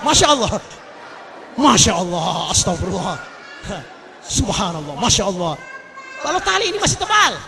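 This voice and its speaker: Fervent high-voiced preacher. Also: male voice, pushed and bright, a little hiss or hum. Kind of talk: sermon at a mass religious gathering. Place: large public gathering. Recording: crowd audible behind the voice.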